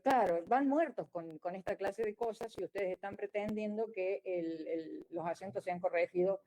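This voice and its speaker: A woman's voice: mid-range voice, normal speed, warm tone, low-quality recording. A woman giving a conference lecture as a geologist, explaining in a wry way with frequent restarts. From Argentina.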